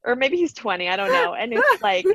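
A woman's voice: high voice, wildly swooping pitch, a little fast, a bit bright, no echo, rough recording. A woman chatting as a podcast guest, bubbly and talkative with lots of fillers. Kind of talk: casual interview chat.

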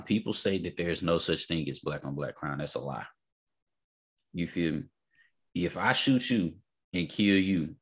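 A man's voice: deep voice, slightly rough. A man in a casual, opinionated discussion, speaking emphatically, repeating his points and checking that the listener follows.

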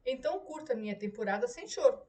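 A woman's voice: a little high, animated, fast talker, dark tone, distant mic, close to an everyday voice. Woman reading as a blunt, easygoing young man. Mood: casual. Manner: casual, dismissive of luxury. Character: young adult son, teasing and plainspoken.

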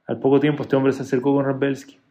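A man teaching a religious class who tells stories in an animated way, moving between loud emphasis and soft asides. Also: medium pitch, quick pace. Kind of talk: Torah class.

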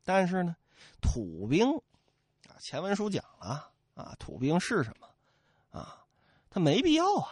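A man retelling a classical novel as a storyteller, lively and playful, with chatty asides. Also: sits high, a little slow, long pauses, husky, no room sound, studio quality.

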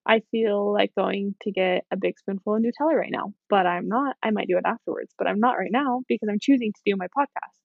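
A woman's voice: medium pitch, fairly quick, vocal fry, few pauses, no echo, phone-quality sound. A young woman hosting a podcast, talking in an earnest, encouraging, casual way and laughing now and then. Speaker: podcast host. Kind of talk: casual self-help podcast talk.

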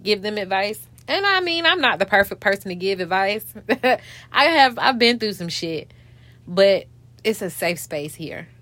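A woman's voice: fairly low pitch, fairly bright tone. A woman hosting her own podcast, talking candidly and emotionally in profane street slang, choked up and hiccuping. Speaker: podcast host.

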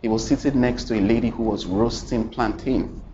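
A man preaching a sermon, dramatic, swinging between loud and hushed and asking the congregation questions. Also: mid-range voice, steady tone, normal speed, a little hiss or hum. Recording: muffled recording with faint ambience.

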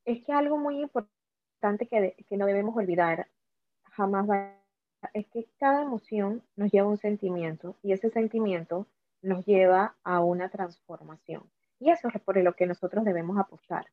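A woman's voice: medium pitch, normal speed. A woman with a Panamanian accent talking earnestly about her illness, often repeating words. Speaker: cancer survivor guest. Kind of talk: conversational talk. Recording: tinny phone-like audio.

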